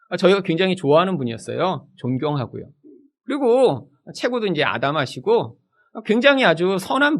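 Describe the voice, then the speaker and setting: A middle-aged male pastor preaching in church with a high, lively voice. His pitch swings widely as he acts out the people in his stories. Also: creaky. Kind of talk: sermon.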